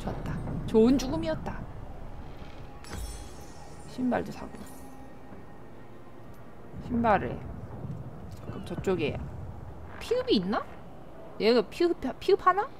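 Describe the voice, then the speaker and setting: Excitable high-voiced woman streaming a game. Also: a little slow, long pauses, noisy background. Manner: excitable, yelps and laughs at plays. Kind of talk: live gameplay commentary.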